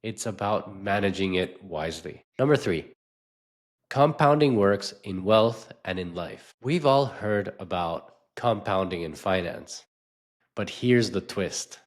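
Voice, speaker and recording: Sitting low and animated, a man gives a scripted motivational talk as an investor and coach. He delivers it in a measured, emphatic way, using deliberate pauses.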